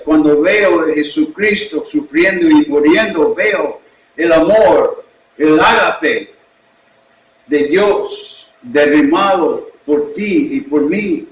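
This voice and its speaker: Male pastor with an English accent, preaching slowly in his second language; recorded in a roomy space from a distance. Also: on the high side. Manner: slow, deliberate preaching in a learned second language. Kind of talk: sermon. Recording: echoey room, distant mic.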